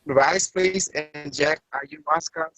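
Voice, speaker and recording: A man's voice: a little high, slow pace, a bit bright, dry recording. A man leading a guided meditation over a group video call, his voice glitching and distorted by a bad connection as he keeps checking that he can be heard. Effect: glitching, distorted audio from a bad connection. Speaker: meditation facilitator. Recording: dull lo-fi call audio, dry.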